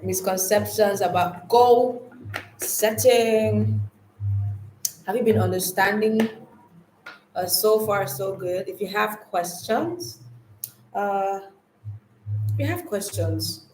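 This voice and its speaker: A woman's voice: mid-range voice, steady tone, slow, pauses often, a little mellow, a little hiss or hum. A woman teaching a live online class on goal setting in a casual, chatty way, often restarting and repeating her words. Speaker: online course instructor. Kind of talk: live-streamed lesson, casual. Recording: roomy, faint ambience.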